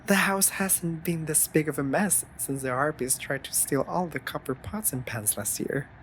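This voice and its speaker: In a fantasy audio drama addressed to the listener, a woman voices a sassy raven familiar, exasperated yet devoted, who scolds theatrically in formal phrasing. Her low voice moves at normal speed, lightly acted, with slight background noise in this scripted roleplay.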